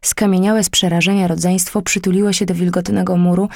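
A woman narrating an old tale as an audiobook, in a measured, dramatic storytelling manner. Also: on the low side, little pitch movement, vocal fry, a little mellow, no echo, studio quality.

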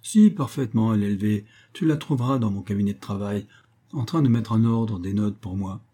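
A man reading aloud and voicing a hurried, jovial man who urges his old friend along in a brisk, pushy way. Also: on the low side, dark tone, slightly rough.

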